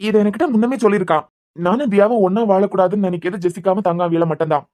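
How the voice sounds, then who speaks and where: A woman's voice: mid-range voice, warm tone, lightly acted. A woman voicing a scolding, hot-tempered young man in a cartoon serial, with a Kanyakumari Tamil accent. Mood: brooding. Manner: fast, scolding, argumentative. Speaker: voice artist.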